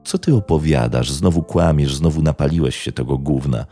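A man's voice: very deep voice, moderate pace, mellow, soft background music. A man voicing an angry wife who scornfully dismisses what she hears. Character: angry disbelieving wife on the phone.

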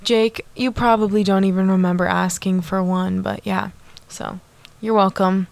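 Her voice is medium-pitched and creaky, with a level tone and a moderate pace. She's a young adult podcast host doing a casual solo episode, bubbly and chatty, full of "like" and little asides to the audience.

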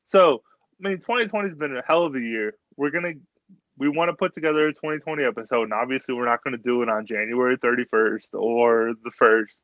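A man's voice: mid-range voice, quick pace, no echo. A man co-hosting a casual podcast, talking emphatically and repeating himself to drive his points home. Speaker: podcast co-host. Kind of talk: casual chat. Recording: dull, dry lo-fi sound.

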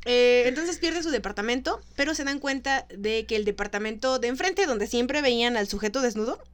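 A woman's voice: fairly high pitch, lively intonation, normal speed. A woman with a Mexican accent, co-hosting a casual chat and retelling a sitcom episode. She laughs often and acts out the characters' lines. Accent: Mexican Spanish. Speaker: podcast co-host.

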